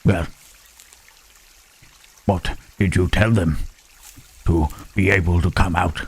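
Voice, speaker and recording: A man playing a gentle, lonely male monster in an ASMR roleplay, speaking haltingly and formally in a husky voice. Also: low voice, fairly even intonation, exaggerated voice. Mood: gentle, warm. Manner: halting, formal speech without contractions, trailing "huh?". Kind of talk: ASMR roleplay, intimate scripted monologue to listener.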